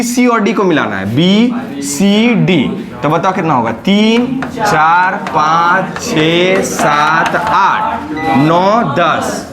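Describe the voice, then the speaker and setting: A man teaches maths in a classroom, his voice sitting a little high for a man. He counts through the steps aloud and keeps checking with the students, coaxing them to say whether it is clear. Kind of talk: classroom lesson at a whiteboard. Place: classroom, recorded in summer heat.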